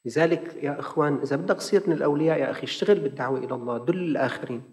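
Male Levantine preacher, quick and animated, acts out his stories, recorded with a lingering hall reverb. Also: a little high. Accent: Levantine Arabic. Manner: animated storyteller acting out dialogue. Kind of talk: sermon lesson with storytelling.

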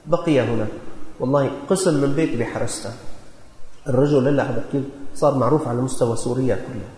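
A man with a Damascene Syrian Arabic accent delivers a sermon at a fast pace, his medium-pitched voice dark in tone. He tells stories in an earnest, folksy manner and exhorts his listeners, recorded in an echoey hall with long reverb.

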